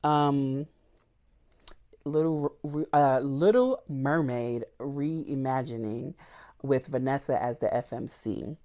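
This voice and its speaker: A woman's voice: very deep voice, slow pace, dark tone. A woman book vlogger chatting casually and candidly about what she read, with frequent ums. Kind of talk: casual book wrap-up chat.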